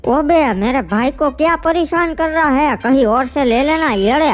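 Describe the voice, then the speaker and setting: A woman voicing a bossy male street-tough older brother who talks in rough, bullying slang in a cartoon skit. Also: sits high, lively intonation, a little slow, soft background music. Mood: swaggering. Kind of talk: cartoon voice acting.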